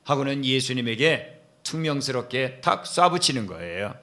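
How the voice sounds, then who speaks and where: A man's voice: mid-range voice, sing-song, normal speed, bright, forceful tone. A male pastor preaching a sermon in a church, retelling a Bible story with dramatic storytelling. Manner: dramatic storytelling, acts out the quoted speakers. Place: church sanctuary.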